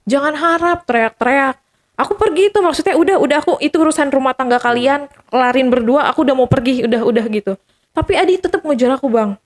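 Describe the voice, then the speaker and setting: A woman's voice: sits high, quick pace. A woman guest telling a personal story in casual speech, acting out the quoted dialogue with energy. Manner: animated, acts out the quoted dialogue.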